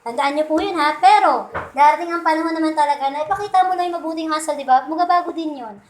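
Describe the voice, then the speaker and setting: Woman preacher, high voice, chatty sermon delivery, echoey church room. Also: quick pace. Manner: conversational, asks "di ba?" often, acts out quotes with humor. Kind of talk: Sunday sermon. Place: church hall.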